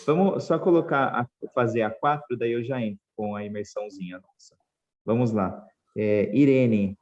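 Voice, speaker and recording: A man with a Brazilian Portuguese accent teaching an online English class, patiently spelling out examples slowly. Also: medium pitch, a little mellow, lo-fi sound.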